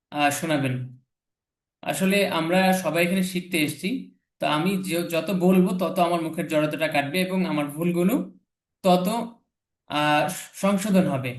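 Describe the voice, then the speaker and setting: A man teaching English letter pronunciation in an online class, patiently repeating each sound. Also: on the high side. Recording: echoey room.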